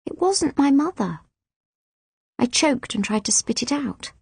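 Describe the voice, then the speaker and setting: A woman reading a children's audiobook in an expressive, emotive first-person storytelling style. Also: high-pitched, unhurried, gravelly, no room sound. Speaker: audiobook reader. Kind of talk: scripted first-person narration.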